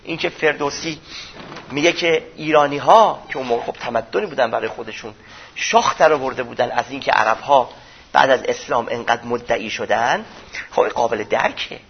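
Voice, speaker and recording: A man's voice: mid-range voice, husky, muffled recording. A man giving a religious lecture, explaining old texts in plain everyday speech.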